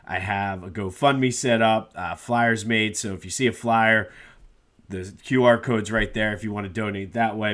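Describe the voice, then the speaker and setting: A man hosts a solo sports podcast in a lowish, fairly bright voice, sounding a little stuffy and nasal from a cold. He chats conversationally and fills his speech with lots of "uh."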